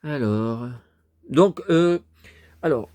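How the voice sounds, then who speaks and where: Man, casual collection video, chatty, rambling, animated pitch. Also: very slow, clean tone. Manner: chatty, rambling, addresses viewers directly. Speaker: collector showing his toys.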